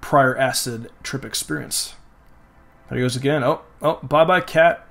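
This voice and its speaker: A man's voice: medium pitch, a little slow, gravelly, fairly bright tone. A young man hosting a let's play, rambling casually with lots of "like" and frequent swearing. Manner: rambling and profane, heavy use of "like". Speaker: gaming channel host. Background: game music.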